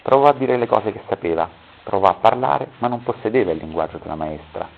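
A man with a husky, low voice reads a story aloud at a public talk. He keeps a steady pace and stops now and then to correct his own slips. The recording is thin and tinny, as if heard over a phone line. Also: a little fast.

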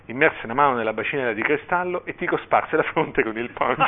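Un uomo che legge ad alta voce un brano di romanzo con espressività, con qualche breve commento. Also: male voice, mid-range voice, brisk, background noise. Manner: expressive reading with brief asides. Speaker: reader at a cultural event. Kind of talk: reading a novel excerpt aloud. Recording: tinny phone-like line.

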